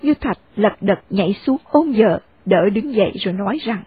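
A woman narrating a story in steady audiobook style. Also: mid-range voice, normal speed, breathy edge, no echo. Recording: dry, phone-like narrow sound.

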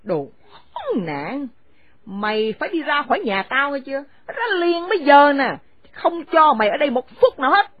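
A high, wildly swooping old matriarch spits insults in a rage, as a woman puts her on. The voice comes across dry and thin, as if over a phone line. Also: big pitch swings, moderate pace, no echo. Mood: furious scolding. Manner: screaming insults, shrill and scornful. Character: furious elderly mother-in-law, harsh and domineering. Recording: dry, phone-like narrow sound.

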